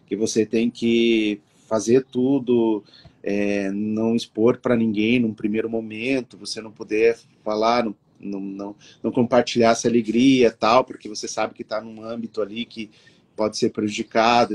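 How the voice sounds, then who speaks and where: A man co-hosting a casual podcast chat, telling a personal story with lots of filler tags and getting animated in the retelling. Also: fairly low pitch. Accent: Brazilian Portuguese. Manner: storytelling, lively when retelling. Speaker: podcast co-host.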